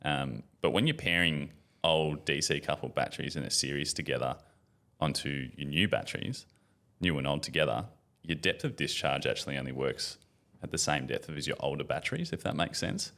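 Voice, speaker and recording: Man, Australian accent, extremely deep voice, gravelly fry, laid-back guest. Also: lively intonation, a little fast, sharp tone. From Melbourne area, Australia. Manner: laid-back, explains with fillers like "like" and "um". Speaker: podcast guest, battery salesperson. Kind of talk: casual chat.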